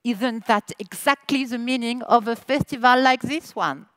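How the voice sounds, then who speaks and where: On a festival stage before an audience, a woman with a French accent hosts the opening ceremony, teasing playfully and hopping between French and English. Her voice is a little high and a bit bright, and the recording is dry. She delivers each joke deliberately.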